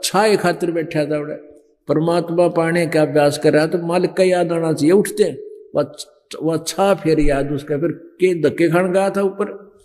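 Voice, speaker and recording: A man's voice: a little high, fairly even intonation, darkish tone. A man telling a folksy story in a sermon. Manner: slow folksy storytelling with village speech. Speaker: preacher. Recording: long hall reverb.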